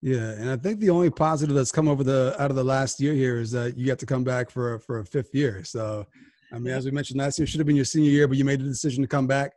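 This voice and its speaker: A man hosting a sports podcast, energetic and hyped, often restarting his sentences. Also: mid-range voice, fast talker, no room sound, studio quality. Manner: energetic, hype host with frequent restarts. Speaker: podcast host.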